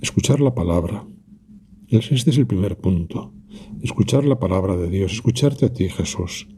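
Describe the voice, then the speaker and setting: Calm low-voiced man leading prayer. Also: a little hiss or hum. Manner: calm, reflective, speaks directly to Jesus with pauses. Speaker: priest leading a prayer meditation. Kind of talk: spoken prayer meditation.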